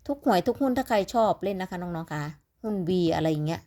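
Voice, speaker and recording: A woman's voice: on the low side, animated, fast talker, warm tone. A woman with an Isan accent from northeastern Thailand, chatting casually and ramblingly to her viewers as she tips lottery numbers, sounding sleepy. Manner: chatty, rambling, calls viewers "little siblings".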